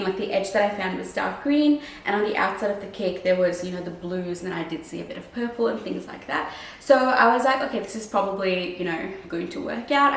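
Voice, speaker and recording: A croaky woman rambles casually through a vlog explanation, sounding a bit unwell. She is recorded slightly away from the mic in a roomy space with faint noise. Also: medium pitch, recorded from a distance. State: croaky voice from oncoming illness. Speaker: crochet vlogger. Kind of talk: casual chat to camera, vlog.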